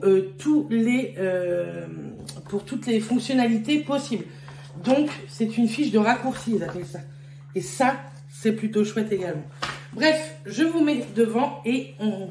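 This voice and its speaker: A slightly high-voiced woman walks viewers through a kitchen appliance in a relaxed, chatty way, full of fillers and little self-corrections. Her voice echoes in a roomy space with a faint ambient hum behind it. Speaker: beauty and lifestyle vlogger. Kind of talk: casual product demonstration.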